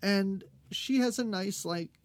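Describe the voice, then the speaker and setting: A woman co-hosting a podcast, recapping an episode in casual chat, animated, laughing often and acting out characters' lines. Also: medium pitch, slow, no room sound. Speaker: podcast co-host.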